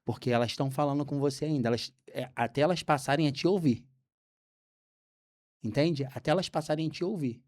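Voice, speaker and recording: Brazilian man, mellow voice, storytelling. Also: a little high, a little fast. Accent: Brazilian Portuguese. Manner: animated storyteller acting out dialogue. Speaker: podcast guest. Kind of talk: storytelling testimony.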